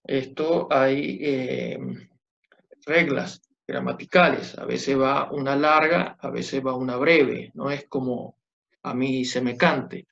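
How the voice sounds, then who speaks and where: A man's voice: mid-range voice, steady tone, slow pace, vocal fry, a bit bright. A man teaching Biblical Hebrew in a class, patiently checking understanding with short tag questions. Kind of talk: classroom lecture at a whiteboard. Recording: dull lo-fi classroom recording.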